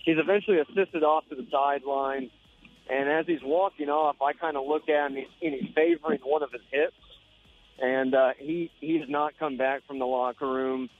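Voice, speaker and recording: A man phoning in a live sideline report from a high school football game, recapping plays in a relaxed, conversational way. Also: normal speed, faint music behind. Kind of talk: live field report by phone. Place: at a football stadium. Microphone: phone. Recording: tinny phone line.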